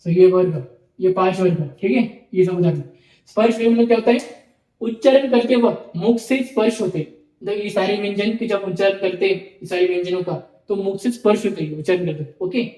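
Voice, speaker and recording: A man teaches Sanskrit in an online video lecture, explaining step by step, reciting the letters one by one, and repeating himself while checking in often with "ठीक है" and "okay". His voice sits high, brisk and warm, in a reverberant, poor-quality recording.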